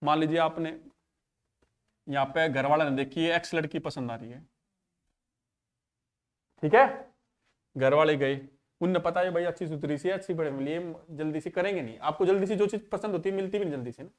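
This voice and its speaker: Male maths teacher, 30s, rapid and high-pitched, casual class storyteller. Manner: chatty, acts out quoted dialogue.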